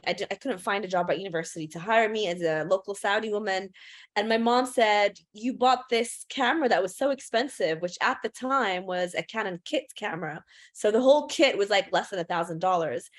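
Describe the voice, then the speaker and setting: Woman in her 30s giving a photo class, chatty and self-deprecating, lots of ums. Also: medium pitch. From United States and United Kingdom. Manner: chatty, self-deprecating, many fillers and restarts. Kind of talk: casual presentation talk.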